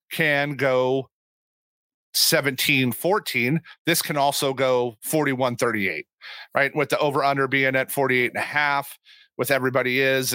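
Guy hosting a casual sports podcast, bright punchy voice, very dry close sound. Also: medium pitch, no echo. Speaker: podcast host.

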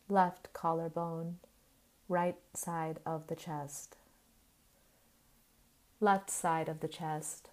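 A slightly mellow, lowish female voice leads a yoga nidra relaxation. She has the soothing manner of a sleep story narrator and speaks in short, measured phrases with long pauses.

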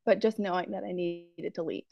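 Gravelly young woman telling her story. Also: fairly low pitch, no room sound, lo-fi sound. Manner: reflective, rambling with fillers and restarts, light laughs. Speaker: guest sharing her birth story. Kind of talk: podcast interview.

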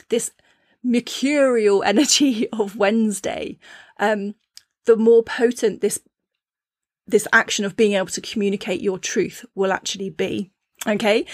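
Woman podcast host, mid pitch, dry close sound. Casual, encouraging coaching tone, acts out quoted voices. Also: dry recording. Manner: earnest, encouraging. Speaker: mother. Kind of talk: casual spiritual coaching talk.

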